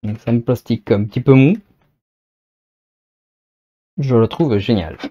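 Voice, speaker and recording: A man hosting a casual unboxing video, chatting and thinking aloud as he goes, slowing down to read out product text. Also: medium pitch, mellow, highs cut off.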